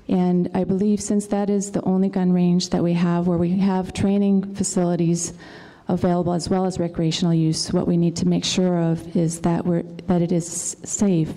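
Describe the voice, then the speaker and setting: A woman candidate answering a forum question in a measured, methodical way, going through each point in turn. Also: fairly low pitch, dark tone. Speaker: political candidate. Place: indoor community meeting room.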